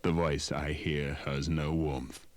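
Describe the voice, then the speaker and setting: Over loud background music, a man with an extremely low, flat voice speaks slowly as a solemn, world-weary namer of war machines. He narrates a children's audio story in a grave, portentous manner, and the mood is ominous.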